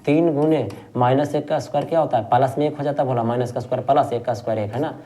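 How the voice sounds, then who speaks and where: A man's voice: mid-range voice, fairly even intonation, very fast, dark tone, a little hiss or hum. A man teaching a math lesson for board exams, asking questions and answering them himself, repeating key terms and calling students pet names. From Bihar, India. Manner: affectionate, calls students "my rasgulla". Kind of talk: exam-prep math lesson.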